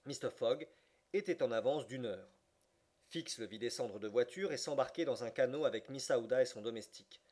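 A man reads a classic adventure novel aloud as audiobook narration. His voice sits at an ordinary middle pitch, and his delivery stays steady and measured. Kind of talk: scripted narration.

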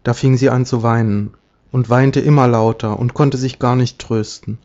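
Male storyteller reading a fairy tale, steady, dull recording. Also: mid-range voice, normal speed.

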